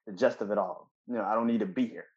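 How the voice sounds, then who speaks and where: A man's voice: fairly low pitch, quick pace, breathy edge. Man, podcast co-host, casual chat, cursing freely, frequent laughs, muffled audio. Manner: profane, laughs a lot, animated when heated.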